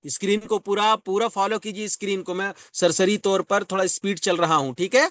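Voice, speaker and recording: A man's voice: sits high, steady tone, fairly bright tone, no room sound. A man teaching a grammar class, explaining step by step, repeating key terms and checking often whether students follow. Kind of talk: classroom lecture.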